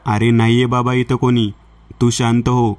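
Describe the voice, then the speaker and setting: Steady, soothing male friend, voiced by a male storyteller, flat and matter-of-fact. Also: mid-range voice, unhurried, natural voice. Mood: calming. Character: calm, reassuring male friend.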